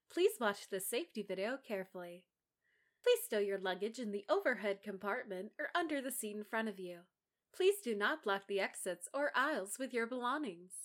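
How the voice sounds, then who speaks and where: A woman reading a scripted airline safety announcement in the formal, instructional manner of a flight attendant. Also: mid-range voice.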